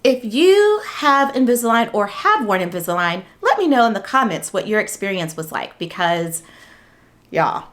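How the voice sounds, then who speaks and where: A middle-aged woman hosting a casual book vlog in a chatty, expressive way, with a slight lisp from dental aligners. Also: medium pitch, normal speed, few pauses. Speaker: book vlogger.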